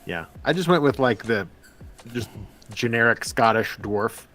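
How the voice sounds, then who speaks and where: A man in an easygoing, joking mood, talking casually about tabletop games on a livestream. His voice sits at an ordinary middle pitch. Soft music plays faintly behind him. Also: expressive, a little slow. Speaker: podcast co-host.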